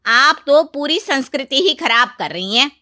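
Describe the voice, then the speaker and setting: A woman voicing a sharp-tongued, scolding middle-aged aunt-in-law in a cartoon story, loud and taunting. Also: sits high, expressive, unhurried, no echo, clean studio sound, voice pushed up, full character voice.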